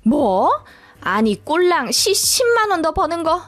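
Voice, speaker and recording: A woman's voice: extremely high pitch, big pitch swings, a little slow, voice pushed up, full character voice. A woman voicing a nagging, indignant older mother-in-law in a dramatized story reading. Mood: scolding. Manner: indignant, scolding.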